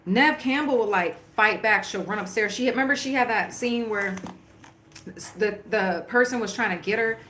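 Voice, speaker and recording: A woman's voice: mid-range voice, normal speed, fairly bright tone, roomy sound, a little hiss or hum. A woman in casual chat while watching a movie, rambling and filling her talk with "like" and "you know". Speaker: livestream host.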